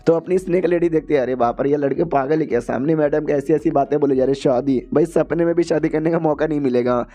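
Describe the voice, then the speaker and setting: Fast-talking man with a dark, mellow voice. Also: a little high. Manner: chatty and slangy, rushing through the plot. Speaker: story recap narrator. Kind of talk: casual storytelling recap.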